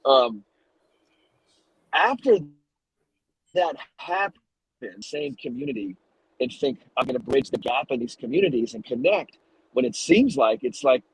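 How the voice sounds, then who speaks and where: Husky podcast host guy, mid-pitch, circles around his questions, curious and loose. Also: lively intonation, unhurried, pauses often, poor audio. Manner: rambling, searching questions. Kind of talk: casual podcast interview.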